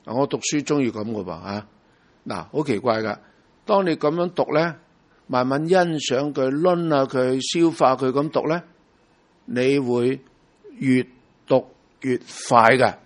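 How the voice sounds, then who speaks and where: Speaking at medium pitch and a measured pace, a Hong Kong preacher with a Cantonese accent delivers an emphatic sermon. Rhetorical questions to the congregation come again and again.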